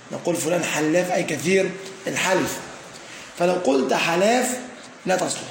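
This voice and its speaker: Male grammar teacher, high gravelly voice, echoey room with faint hum, "aah" fillers. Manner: frequent "aah" fillers and checking "tamam?"; slowly stresses word patterns, listing examples. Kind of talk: explanatory grammar lesson.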